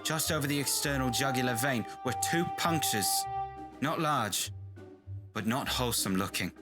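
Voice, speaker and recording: A man's voice: medium pitch, lightly acted. An actor playing an earnest, troubled doctor who narrates from his journal in a radio horror drama. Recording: loud music behind the voice.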